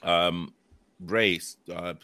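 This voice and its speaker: A man's voice: deep voice, steady tone, extremely slow, pushed and bright, no echo, studio quality. A man casually hosting a live show, speaking in a hesitant, repetitive way with many filler phrases. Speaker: host.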